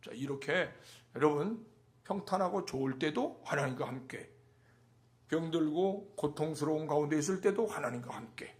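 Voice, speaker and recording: A man's voice: fairly high pitch, lively intonation, normal speed. A male pastor delivering a Wednesday sermon, emphatic and repetitive, asking rhetorical questions.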